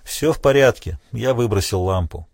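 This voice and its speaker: A man's voice: fairly low pitch, expressive, normal speed, vocal fry, no echo, clean studio sound. A man voicing a tough male climber who speaks in short, curt commands. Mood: grim. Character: tough male climber giving terse orders.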